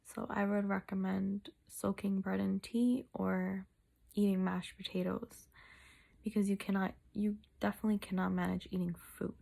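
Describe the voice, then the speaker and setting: A tired woman chatting casually in a personal vlog, halting and sore-mouthed as she recovers from wisdom teeth removal. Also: mid-range voice, level tone, gravelly, dark tone. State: sore mouth, recovering two days after wisdom tooth surgery. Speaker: vlogger.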